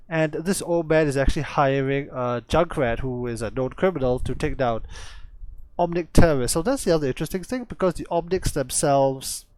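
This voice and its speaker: A man's voice: fairly high pitch, normal speed. A man hosting a comic lore breakdown, rambling and thinking aloud as he corrects himself. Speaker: host.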